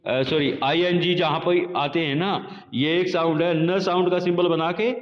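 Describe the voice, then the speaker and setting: Slow, patient male teacher in echoey room. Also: a little high, steady tone, highs cut off. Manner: slow, repetitive, addresses students as children. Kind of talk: classroom phonetics lecture.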